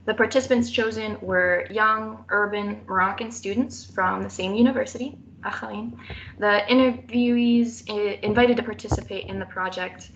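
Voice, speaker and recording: A woman's voice: medium pitch, vocal fry, fairly bright tone, highs cut off. Young woman presenting a thesis, noisy recording. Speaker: student presenter defending a thesis. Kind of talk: prepared academic presentation.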